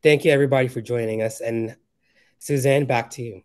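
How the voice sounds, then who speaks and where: A man's voice: medium pitch, fairly even intonation, a little fast, a little mellow. A man reading earnest, formal welcome remarks on a video call. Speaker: webinar co-organizer.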